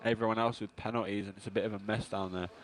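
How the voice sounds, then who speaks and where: A man co-commentating a live online race, steady and matter-of-fact. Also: lowish voice, rapid-fire, a little hiss or hum. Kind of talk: live sim racing commentary.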